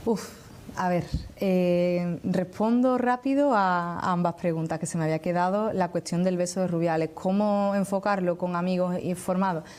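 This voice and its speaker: A woman with an Andalusian accent explaining things as an interview guest, measured and didactic, pausing to choose her words. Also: fairly low pitch, fairly even intonation, darkish tone. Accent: Andalusian Spanish. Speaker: interview guest, academic researcher.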